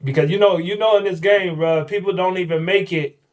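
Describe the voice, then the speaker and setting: A man's voice: high-pitched, fairly even intonation, a little fast, low-quality recording. A man in his thirties hosting a casual interview, talking in a hyped, slangy, chatty way. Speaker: host, former basketball player.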